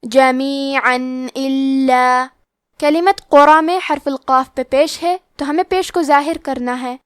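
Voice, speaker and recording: A woman with a Pakistani Urdu accent teaching Quran recitation rules, explaining each one in a measured way and then reciting the words slowly. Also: high-pitched, no room sound, studio quality. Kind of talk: tajweed lesson with slow recitation.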